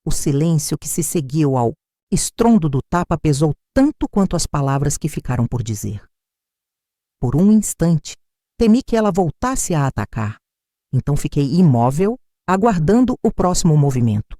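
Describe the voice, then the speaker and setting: A middle-aged woman narrates a family drama in the first person, measured and dramatic. Her voice sits low and warm, with lively rises and falls. The recording is close and dry. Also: dry recording. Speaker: storyteller.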